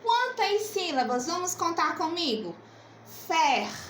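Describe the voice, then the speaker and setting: Slow, high-voiced woman teacher. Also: very animated, fairly bright tone, roomy sound, a little hiss or hum, low-quality recording. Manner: slow, coaxing, asks and answers her own questions. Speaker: primary school teacher. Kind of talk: remote literacy lesson.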